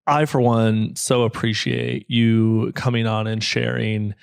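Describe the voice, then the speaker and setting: A middle-aged man hosts a podcast interview, speaking in an easygoing and encouraging way. His voice sits at an ordinary pitch and sounds dry and close, with no room echo. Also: level tone, slow pace, vocal fry, clean tone. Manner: warm, encouraging, laughs easily. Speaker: podcast host.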